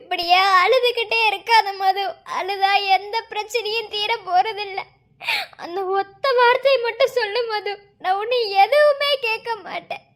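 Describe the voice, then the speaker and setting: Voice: normal speed, a bit bright. A voice actor playing a heartbroken young man who tearfully pleads with his lover in a cartoon love story. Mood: begging, crying. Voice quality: high, sped-up cartoon voice. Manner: tearful, begging.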